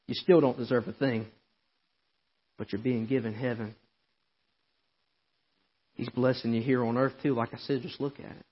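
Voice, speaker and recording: A male preacher giving a sermon, swinging between hollering and a quiet, intimate tone. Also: medium pitch, slightly rough, highs cut off. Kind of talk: Southern Baptist-style sermon. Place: church sanctuary.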